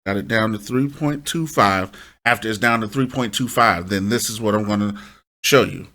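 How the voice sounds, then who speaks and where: A man leads an informal, step-by-step music production tutorial, instructing and frequently adding short tag questions to check in. His lowish voice sounds pushed and bright, at a normal speed.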